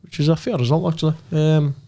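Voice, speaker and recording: A man's voice: fairly high pitch, steady tone, quick pace, mellow. A man with a Scottish accent, telling stories in casual banter as a podcast co-host. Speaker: amateur football referee.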